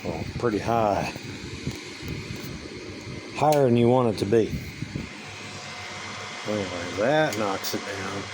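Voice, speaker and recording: A man with a lowish voice gives a casual, hands-on demonstration of radio gear as a hobbyist presenter. He talks slowly in a plainspoken, folksy way with informal grammar and long pauses, against a noisy background.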